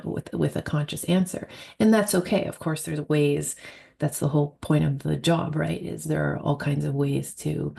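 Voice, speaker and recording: A woman speaking as a hypnotherapist in an informal explanatory monologue, thoughtful and emphatic, pausing mid-phrase. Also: deep voice, vocal fry, dark tone.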